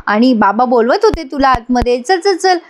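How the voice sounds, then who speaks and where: A woman voicing a kind, gentle young man who soothes and reassures. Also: high-pitched, lively intonation, moderate pace, a little hiss or hum.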